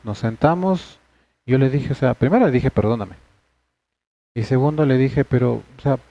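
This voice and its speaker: A man's voice: mid-range voice, warm tone. A man leading a church men's study session, talking earnestly and conversationally to the group.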